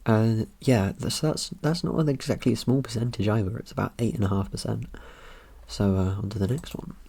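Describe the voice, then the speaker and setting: A man's voice: lowish voice, brisk, creaky, warm tone, slightly rough. A young man chatting casually about his ancestry results, rambling and joking with lots of ums and uhs. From Britain. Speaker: vlogger. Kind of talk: casual commentary over results.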